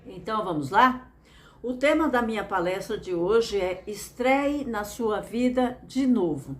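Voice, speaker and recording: A woman from Mato Grosso do Sul with a Brazilian Portuguese accent presents a method in an earnest, encouraging motivational lecture. Her medium-pitched voice is animated yet a little slow, and she repeats phrases for emphasis.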